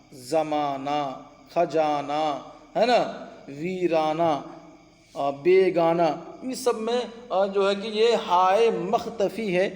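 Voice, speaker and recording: A man's voice: high voice, darkish tone. A man teaching grammar online, drilling students with questions and answers. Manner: addresses students as companions. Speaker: Urdu teacher. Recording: echoey room with long reverb.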